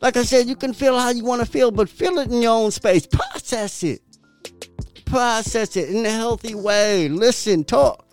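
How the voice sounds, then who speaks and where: A fairly high-voiced man delivering a motivational podcast monologue. His pitch swings widely as he repeats his points with blunt profanity and laughs often. Faint music plays underneath. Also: animated, moderate pace, clean tone. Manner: profane, emphatic, repetitive preaching. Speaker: podcast host.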